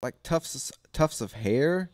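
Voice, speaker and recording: A man trades jokes in loose banter, stumbling over fillers and laughing at his own lines. His mid-pitched voice is recorded close and dry. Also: animated, no echo. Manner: halting, full of fillers and chuckles. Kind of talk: casual comedic banter. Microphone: handheld microphone with switch.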